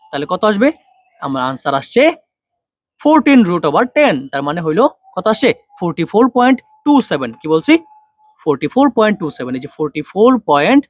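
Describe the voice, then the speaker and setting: Fast-talking young male physics tutor. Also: high voice, no room sound. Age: young adult. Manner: quick, drills students with repeated questions and answers. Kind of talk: online physics lesson.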